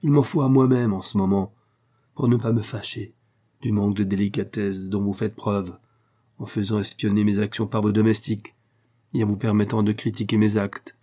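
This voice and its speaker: Brief: narrator voicing a restrained young engineer, firm and stern, warm low voice. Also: male voice, level tone, normal speed, lightly acted. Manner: firm, controlled anger. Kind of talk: audiobook character reading.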